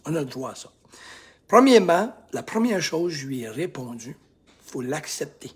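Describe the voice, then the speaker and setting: A Québécois man with a very husky, breathy voice, pitched a little above most men, speaks as a life coach in a motivational talk to camera. He punches key phrases loudly, then drops to a hushed, almost whispered calm. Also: moderate pace. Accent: Québécois French. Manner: swings between loud emphatic bursts and hushed near-whispers.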